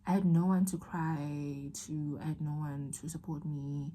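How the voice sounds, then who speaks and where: Husky, mellow-voiced young woman vlogging. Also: low-pitched, fairly even intonation, measured pace. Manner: emotional, rambling, addresses viewer as girl and babe. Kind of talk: confessional vlog talk.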